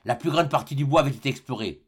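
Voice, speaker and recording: A man reading a classic adventure novel aloud in a measured, dramatic storybook narration. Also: mid-range voice, slightly rough. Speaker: audiobook reader.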